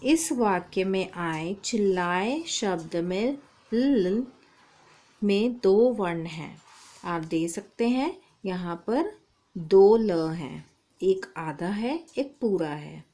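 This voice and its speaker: A woman teaching young children a Hindi lesson. She speaks slowly and patiently and says each sound and word on its own, at a middle pitch. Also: expressive, dark tone. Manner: slow, patient, spells out sounds.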